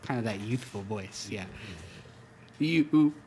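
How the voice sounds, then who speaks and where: Man reading aloud with halting asides. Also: medium pitch, expressive, husky. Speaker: podcast host. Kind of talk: comedic read-aloud with asides.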